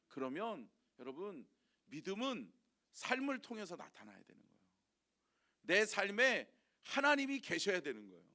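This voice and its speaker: Guy pastor preaching early morning, kinda high voice, keeps asking the church questions. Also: pushed and bright. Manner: emphatic preaching, repeated rhetorical questions to the congregation. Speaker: senior pastor. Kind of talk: early-morning sermon with call-and-response. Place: church sanctuary.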